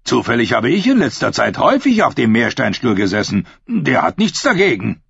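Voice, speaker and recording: A smug, silky pirate king who taunts and mocks with a lively, swinging pitch, as a man reads him aloud. The voice is a little husky and dry, recorded dull and lo-fi. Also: a little fast, no room sound, heavily acted. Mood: taunting. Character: smug, mocking one-eyed pirate king, adult man.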